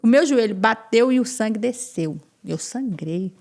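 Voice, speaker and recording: A woman guest on a podcast, telling her personal testimony in an animated way, repeating phrases and acting out what others said. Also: on the high side, unhurried. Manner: animated, repeats phrases and acts out quoted speech.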